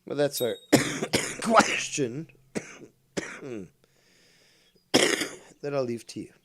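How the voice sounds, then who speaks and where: A man livestreams a fishing game with rambling live commentary, sounding theatrical and mock-villainous, crude and full of swearing. His mid-range voice is animated and a bit bright, yet he speaks extremely slowly.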